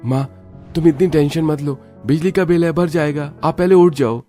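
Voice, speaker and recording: A man voicing a young working husband and son in a cartoon, hurried or reassuring. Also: a little high, warm tone, faint music behind, pitched above the performer's own voice, natural voice.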